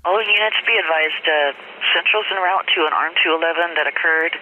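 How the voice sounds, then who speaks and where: A man, a police dispatcher, calling out units over a police radio transmission in flat, businesslike dispatch style. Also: a little high, fairly quick. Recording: tinny radio with static hiss.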